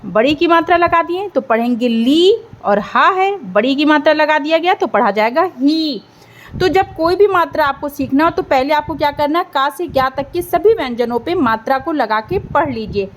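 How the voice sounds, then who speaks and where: A woman teaching a beginners' writing lesson as host, speaking slowly and clearly and drawing out sounds to show them. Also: sits high, fairly bright tone, a little hiss or hum. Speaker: Hindi teacher.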